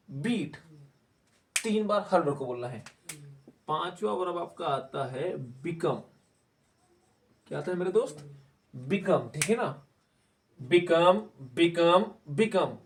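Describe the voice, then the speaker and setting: Male teacher, somewhat high voice, recorded from a distance, drills words aloud by repetition. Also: darkish tone. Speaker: English teacher. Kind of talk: spoken English lesson.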